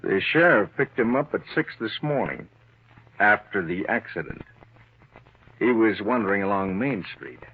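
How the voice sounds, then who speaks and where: In an old-time radio crime drama, an actor plays a shrewd, confident government lawman who presses his point assertively, coolly triumphant. His voice is lowish and husky, with lively intonation at a moderate pace, heard through a muffled, narrow-band old radio recording.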